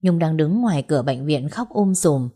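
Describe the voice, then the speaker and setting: Low, mellow woman narrating. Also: animated, moderate pace. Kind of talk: audiobook story narration.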